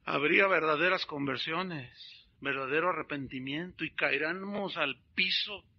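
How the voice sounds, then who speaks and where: A man preaching a sermon as a pastor, telling stories in an animated way and calling his listeners brothers. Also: a little high, unhurried, dull audio.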